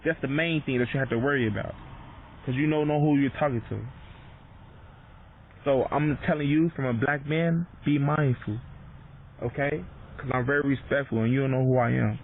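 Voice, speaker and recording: A man with a medium-pitched voice argues in casual street talk. He is defiant and repetitive, lecturing the listener. The doorbell camera recording is thin and phone-like, with faint noise behind him. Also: steady tone, normal speed. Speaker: visitor arguing at a front door. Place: outdoors at a front door.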